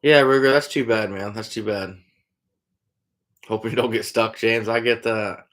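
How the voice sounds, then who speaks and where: A trapper from Iowa, USA, hosts a live stream and chats casually with viewers in a laid-back way. His voice is on the low side, fairly bright and a little slow, with little pitch movement; he calls chatters "buddy" and trails off with "I don't know".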